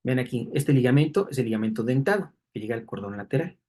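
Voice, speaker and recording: A husky-voiced man lectures on anatomy at a middle pitch. He walks through diagrams step by step and keeps checking in with the class through tag questions. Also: expressive, fast, warm tone.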